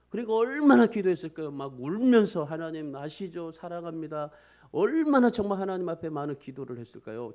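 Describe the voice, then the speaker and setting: A man preaching a sermon with a slightly high-pitched voice. He tells a story earnestly and pleadingly, often breaking off and restarting his words. He sounds like a pastor speaking to his congregation. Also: a little mellow. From South Korea.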